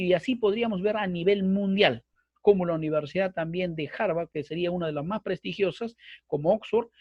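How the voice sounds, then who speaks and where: A man's voice: high voice, a little mellow, dry recording, dull audio. A man teaching a bible course online, explaining at length and repeating himself, with frequent fillers. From Peru. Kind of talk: online lecture. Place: online class with screen sharing.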